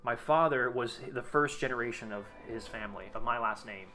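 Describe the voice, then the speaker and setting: A young American man streams a game and chats casually, rambling with plenty of fillers and restarts. His mid-range voice is brisk, pushed and bright.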